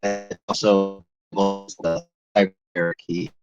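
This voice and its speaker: Game master breaking up over a glitchy call. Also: male voice, sits low, flat delivery, takes it slowly, music in the background. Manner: hesitant, with many fillers. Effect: voice breaking up over a failing online call. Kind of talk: narrating a tabletop game. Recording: dull, lo-fi online call audio.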